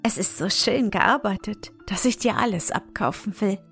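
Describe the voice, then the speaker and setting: A woman reading aloud, voicing a young princess in a storybook fairy tale, in a higher, alarmed voice. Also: normal speed, gravelly, a bit bright, faint music behind. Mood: delighted. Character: frightened young princess, easily charmed.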